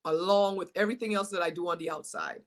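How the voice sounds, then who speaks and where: A woman's voice: on the low side, quick pace. A woman in her forties from Guyana, a fitness coach, talking about herself in an upbeat, grateful way. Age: 40s. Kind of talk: casual interview chat.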